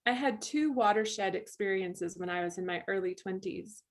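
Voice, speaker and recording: Slow, soft-spoken woman reading poetry. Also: medium pitch. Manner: soft, thoughtful, pauses and hums.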